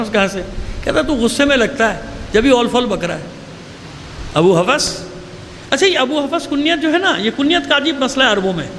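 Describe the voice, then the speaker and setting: A preacher with a very high voice tells a story from history with fervour and keeps turning to his listeners with rhetorical questions. His voice carries a long hall reverb, and a faint ambience lies underneath. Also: fairly bright tone, a little hiss or hum. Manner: impassioned, asks the audience rhetorical questions. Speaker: religious preacher. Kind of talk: religious sermon, historical storytelling.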